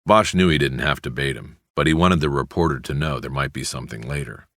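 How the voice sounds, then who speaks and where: A man reading a crime novel aloud as an audiobook narrator in a measured, even way. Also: extremely low pitch, dry recording, studio quality.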